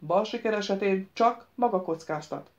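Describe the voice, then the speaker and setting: A woman reading an audiobook, voicing a stout, mustached male official who speaks in a calm, lecturing, firm way. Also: mid-range voice, muffled recording, close to an everyday voice. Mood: warning.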